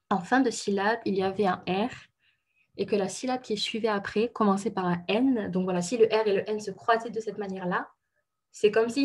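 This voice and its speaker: A woman teaching pronunciation in a relaxed explanatory way, pausing with fillers and correcting herself. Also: mid-range voice, breathy edge. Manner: patient, many fillers and self-corrections. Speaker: Korean language teacher.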